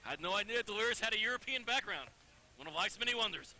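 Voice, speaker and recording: A man's voice: sits high, animated, quick pace, pushed and bright, poor audio. A man giving wordy colour commentary on wrestling, full of wry asides.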